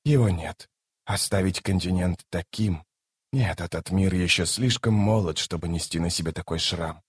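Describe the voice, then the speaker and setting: A man voicing a grave, sorrowful elder god in an audiobook, speaking slowly and solemnly. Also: husky, dry recording, clean studio sound. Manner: slow, low and solemn. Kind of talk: audiobook character voice.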